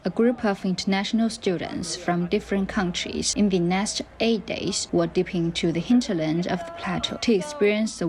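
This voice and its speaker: A woman's voice: medium pitch, a little mellow. Woman narrating a travel documentary.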